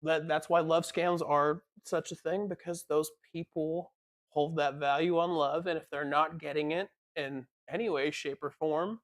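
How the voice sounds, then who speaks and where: A podcast co-host chatting casually, rambling through long tangents. The voice sits at a middle pitch and jumps into quick put-on voices when quoting people. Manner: rambling, animated storytelling with quoted voices. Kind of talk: casual chat.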